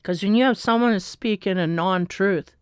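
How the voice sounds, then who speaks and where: Smooth-voiced woman telling a story. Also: medium pitch, normal speed, no room sound, clean studio sound. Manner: rambling, confessional storytelling. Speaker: energy reader. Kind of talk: casual spiritual monologue.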